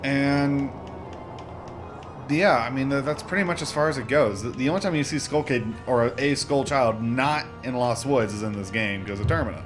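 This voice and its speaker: At a normal speed and in a mid-range voice, a young man chats his way through a let's-play for his gaming channel. He rambles, self-corrects, and uses lots of fillers, with game music in the background.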